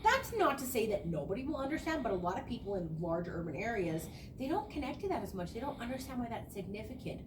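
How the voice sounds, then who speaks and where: A young adult woman from a small rural town, an education student training as a teacher, gives an earnest, conversational spoken reflection for a class presentation, explaining her ideas. Her voice sits on the high side with big pitch swings, and she talks quickly with hardly any pauses. The room is echoey, with a distant mic and noise.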